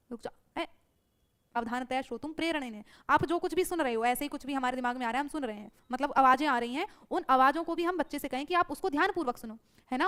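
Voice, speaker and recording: High-voiced woman teaching exam prep. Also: a bit bright, clear, resonant tone. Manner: drills with repeated rhetorical questions. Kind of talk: online exam-prep lecture.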